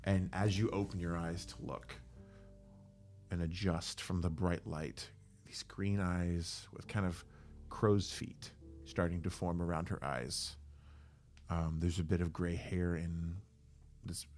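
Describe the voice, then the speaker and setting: A man narrating a tabletop game as game master, halting, with frequent fillers and self-corrections. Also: low voice, fairly even intonation, darkish tone, soft background music.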